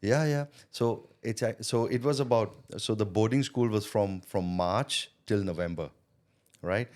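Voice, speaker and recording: With a lowish, unhurried, slightly mellow voice, a Thai sales consultant in middle age recounts his story as a podcast guest. The interview is casual, and he's reflective and chatty, often adding "you know" and "right?".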